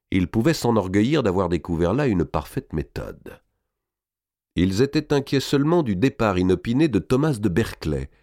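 A man reading a historical novel aloud in a dramatic, measured narration. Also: on the low side, darkish tone, no room sound, clean studio sound.

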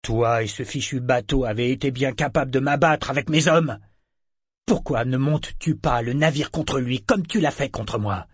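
A man voicing a bitter, domineering father, loud and contemptuous in his anger. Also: medium pitch, normal speed, husky, dry recording, studio quality, natural voice. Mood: raging. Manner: contemptuous, scornful, shouting in rage. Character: bitter domineering father, furious sea captain.

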